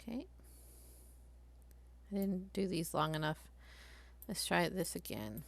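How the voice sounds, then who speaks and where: A woman live-streaming a craft software tutorial, chatty and thinking aloud as she works. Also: on the low side, big pitch swings, slow pace, vocal fry.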